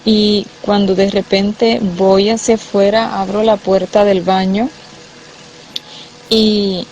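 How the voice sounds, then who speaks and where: A woman giving a personal testimony of a vision, halting with many fillers and restarts, and voicing the dialogue with feeling. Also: mid-range voice, flat delivery, darkish tone, a little hiss or hum, rough recording. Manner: quotes dialogue with emotion. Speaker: church member telling a vision.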